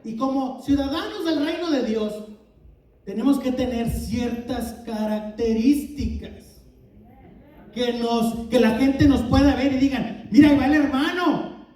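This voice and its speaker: Preacher with a Valley Tex-Mex accent, echoey hall. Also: male voice, extremely high pitch. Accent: Tex-Mex Spanish of the Rio Grande Valley. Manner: asks the congregation many questions, quick and lively. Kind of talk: sermon. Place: church sanctuary. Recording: echoey church hall from a distant mic.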